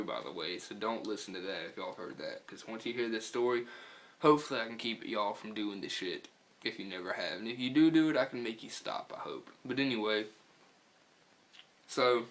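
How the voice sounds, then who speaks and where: An American man talks with his lip full of dip, chatting casually and profanely in a rambling, laid-back review and storytelling vlog, clearing his throat now and then. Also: on the low side, fairly bright tone.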